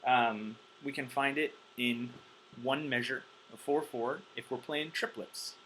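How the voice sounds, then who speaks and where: A man's voice: mid-range voice, steady tone, unhurried, fairly bright tone, slight background noise, poor audio. A man teaching drums in a loose, chatty way, counting beats aloud with plenty of ums, wired on caffeine. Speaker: drum teacher. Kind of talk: casual instructional talk.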